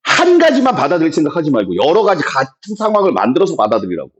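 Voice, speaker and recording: Blunt, animated male math teacher. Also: racing, lo-fi sound. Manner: blunt, rough-talking, with swings between loud emphasis and low asides. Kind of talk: classroom lecture.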